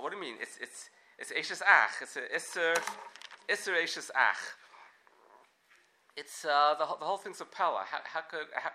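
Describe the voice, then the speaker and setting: A man teaching a casual Talmud class, thinking aloud with animated restarts and frequent rhetorical questions. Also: on the high side.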